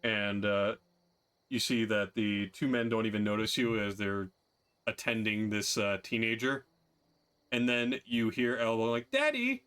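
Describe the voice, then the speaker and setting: A man's voice: lowish voice, flat delivery, a little slow, a bit bright, clean tone. A man narrating a tabletop game as game master in a casual style, with fillers and laughs.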